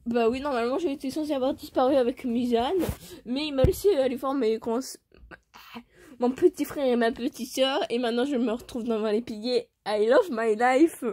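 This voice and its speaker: A woman's voice: high voice, fairly quick, dark tone, no room sound. A woman reading a fan story aloud in the first person, often breaking off for playful, jokey asides. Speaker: channel host reading fan fiction.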